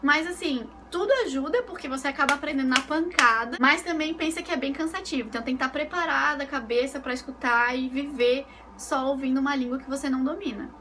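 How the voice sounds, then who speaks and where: A woman's voice: high-pitched, quick pace, few pauses, background noise. A woman with a Brazilian Portuguese accent, telling stories in a casual vlog from her bedroom and acting out the voices of the people she quotes. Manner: animated, acts out quoted voices. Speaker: vlogger.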